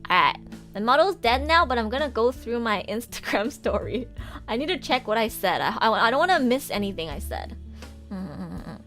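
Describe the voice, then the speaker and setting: A woman streamer chatting casually on a livestream, ranting in an animated, exasperated way, swearing and laughing often. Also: on the high side, normal speed, soft background music. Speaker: VTuber streamer.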